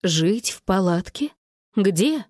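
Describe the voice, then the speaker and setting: Woman doing a calm, firm mother. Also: dry recording, studio quality. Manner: lower, measured, soothing. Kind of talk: audiobook character voice.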